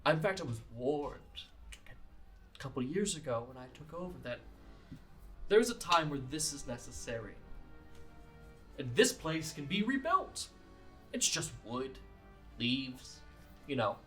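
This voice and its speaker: A man voicing a stout male dwarf protector who speaks in a low, calm, solemn way. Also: unhurried, long pauses, soft background music.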